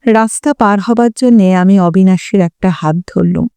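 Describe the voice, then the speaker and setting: A woman narrating an audiobook in a calm, even storytelling manner. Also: mid-range voice, normal speed, clean tone, no echo. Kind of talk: scripted narration.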